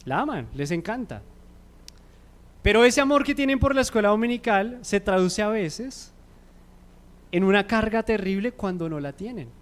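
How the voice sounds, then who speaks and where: A man with a high voice teaches a parents' class at a church service. He keeps asking the congregation questions as he preaches. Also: expressive, moderate pace, pauses often. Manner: asks the audience frequent questions.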